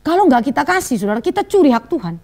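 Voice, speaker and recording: Woman, high voice, sermon, storytelling preacher. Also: fast talker. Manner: storytelling with lively asides and laughter.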